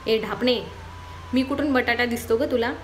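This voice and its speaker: A woman's voice: a little high, fairly even intonation, normal speed, faint music behind, natural voice. A woman voicing a playful young man who boasts and teases his sister, read in a storybook telling. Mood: teasing. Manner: boastful, teasing.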